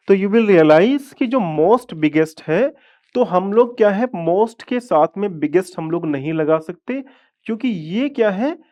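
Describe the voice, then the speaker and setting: In a live online English grammar class, a high-pitched male teacher explains things step by step, repeating words slowly and asking his students if they follow. The audio is dull and lo-fi.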